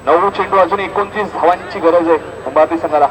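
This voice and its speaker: Live commentary on a local outdoor cricket match comes from a man with a Maharashtrian accent whose voice is a little high and a little fast. He makes announcements, calls the play emphatically, and repeats the score. Crowd noise is loud throughout the outdoor recording.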